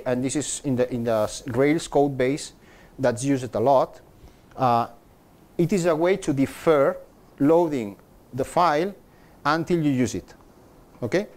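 Fairly high-pitched and slightly mellow, a middle-aged man gives a technical presentation to a meetup group. Standing before a projector screen as a conference speaker, he often repeats words and restarts his sentences.

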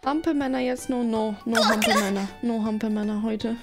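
A woman's voice: on the high side, steady tone, normal speed, over loud music. A woman live streamer chatting casually, giggling and teasing as she thanks viewers one after another, in a sleepy morning mood.

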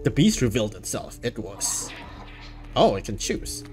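A man playing a video game, reading its text aloud and reacting excitably as he plays. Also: on the low side, normal speed, faint music behind. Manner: excitable, bursts into laughter and exclamations. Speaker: gaming YouTuber.

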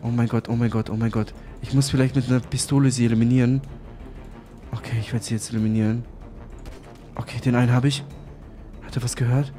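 A young man giving excitable commentary on his role-play game, repeating exclamations. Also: medium pitch. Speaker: gaming YouTuber.

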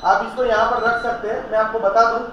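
Demonstrating a laser leveler in his tool shop, a man casually goes through each step and keeps telling viewers to look. His extremely high-pitched voice is fairly bright, a little fast, and flat in delivery. The footage was shot by someone else on a handheld camera in a small indoor shelved room, with echo, slightly dull audio, and faint noise.

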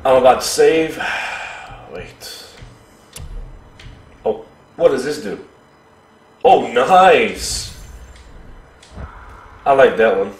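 A man giving casual let's-play commentary, excitable and thinking aloud as he repeats himself. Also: mid-range voice, very slow, long pauses, soft background music. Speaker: gaming commentator. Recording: roomy echo.

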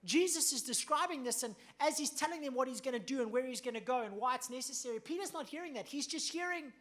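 This South African pastor's sermon is punchy and emphatic, moving between loud outbursts and quiet asides, with frequent "okay?" and "right?" check-ins. He's a fast talker with a very high, expressive male voice.

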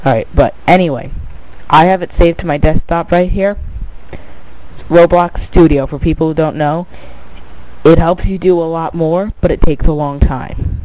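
A young man with a stuffed-up nose casually walks viewers through a screen-recorded tutorial. His slightly high, a little mellow voice keeps fairly even intonation at a moderate pace as he rambles, restarts words, and repeats "but anyway." The recording quality is low.

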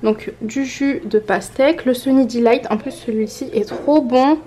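A French woman in her twenties, a vlogger, chats directly with viewers while showing off a grocery haul from an indoor room at home, off camera. Her fairly high voice is warm and unhurried, with a little hiss or hum.

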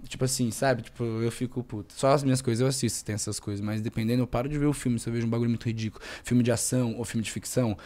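A young man and actor, chatting casually as a podcast guest in a slangy, rambling, animated way. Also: mid-range voice, rapid-fire, few pauses.

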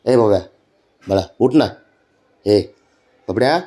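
A man talking casually to his pet cat, coaxing it in sing-song baby talk and sometimes dropping to soft murmurs. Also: lowish voice, slow. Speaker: pet owner.

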